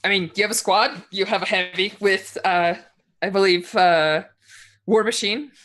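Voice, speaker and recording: A man's voice: high voice, steady tone, normal speed, sharp tone. A man running a tabletop game as game master, narrating in a loose, rambling way with many fillers and restarts.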